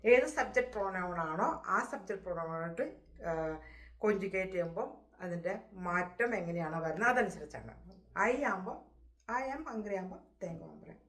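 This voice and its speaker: A woman teaching a Spanish lesson, explaining patiently and slowly repeating example phrases. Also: fairly low pitch, animated. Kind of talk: casual spoken language lesson. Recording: echoey room.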